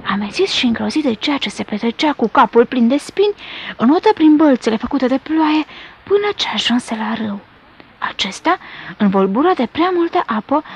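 A woman narrating a children's story expressively, sometimes dropping to a hush. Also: a little high, slightly rough.

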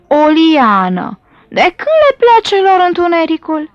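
A woman's voice: high voice, big pitch swings, no room sound, highs cut off, voice pushed up. A woman voicing a grumpy, greedy male snake in a storybook, scolding and irritable. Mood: angry.

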